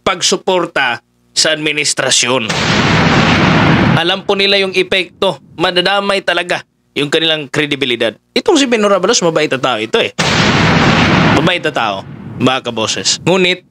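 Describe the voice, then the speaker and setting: A man's voice: fairly high pitch, lively intonation, normal speed, long pauses, very noisy. A man giving casual political commentary, talking conversationally with many fillers as he addresses his listeners.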